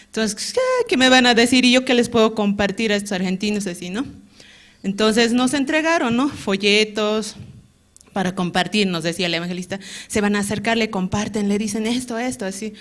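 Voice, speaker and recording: A woman of medium pitch and fairly quick pace, with a Bolivian Spanish accent, shares her personal testimony as a church member. She recounts it frankly and earnestly, ending almost every phrase with a questioning "¿no?".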